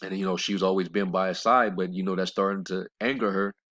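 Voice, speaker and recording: A deep-voiced man rambles through scripture commentary, full of fillers and blunt, scornful asides. He reads the verses in a slower, measured cadence. The recording sounds dull and lo-fi. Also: fairly even intonation, a bit bright. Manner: rambling, with many fillers and restarts. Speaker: religious commentator.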